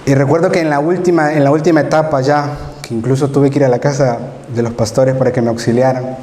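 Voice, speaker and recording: A man's voice: medium pitch, fairly even intonation, quick pace, dark tone. A man from El Salvador with a Salvadoran accent, preaching a sermon with emotional storytelling and acting out his own past pleas. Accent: Salvadoran Spanish. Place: church hall. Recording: roomy hall reverb, faint background noise.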